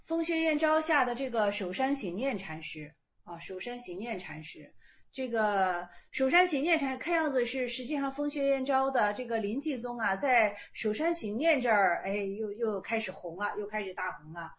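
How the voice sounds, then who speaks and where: A woman's voice: fairly high pitch, animated, normal speed. A woman giving an informal online lecture as a Buddhist meditation teacher, often repeating her phrases and growing emphatic as she explains.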